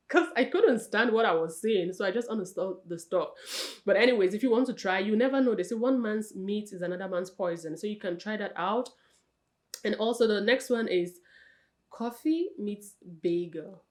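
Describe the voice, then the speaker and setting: Young woman vlogger, mid-range voice, chatty and direct with her viewers. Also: mid-range voice. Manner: chatty, talks straight to viewers as "you guys" and "sis"; expressive, with frequent self-corrections. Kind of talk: casual advice vlog.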